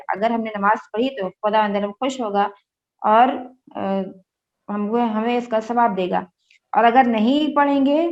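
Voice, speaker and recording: A woman from India teaching Quran recitation. She spells each word slowly, syllable by syllable, and then recites the whole verse. She quizzes her students patiently and mixes English words into her explanations. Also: fairly high pitch. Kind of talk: Quran recitation lesson, spelling out letters and vowels. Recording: muffled lo-fi audio.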